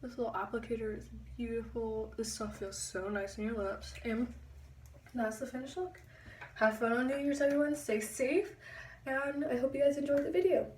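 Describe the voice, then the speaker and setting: A young woman giving a chatty makeup tutorial, pausing as she concentrates. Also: on the high side, steady tone, a little mellow, recorded from a distance, a little hiss or hum. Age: young adult. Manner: chatty, halting while concentrating. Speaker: beauty vlogger. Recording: echoey room, a bit off-mic.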